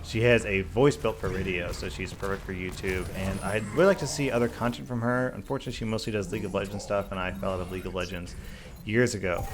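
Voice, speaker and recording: A man's voice: fairly low pitch, noisy background. A man talking casually and earnestly in a Q&A gaming vlog, stressing his points with repeated, emphatic phrases. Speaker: YouTube gaming content creator. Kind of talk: casual Q&A vlog talk, reading questions and answering.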